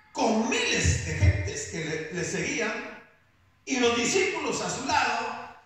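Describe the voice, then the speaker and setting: A man preaching a sermon, slow and emphatic, rising now and then into shouts. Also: extremely high pitch. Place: church hall. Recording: very echoey hall, voice picked up from a distance.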